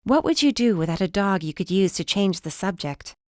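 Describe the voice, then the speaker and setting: A woman voicing a teasing, bossy adult sister with a brisk, needling manner in an audiobook. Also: mid-range voice, expressive, darkish tone, no room sound, studio quality, pitched above the performer's own voice, lightly acted.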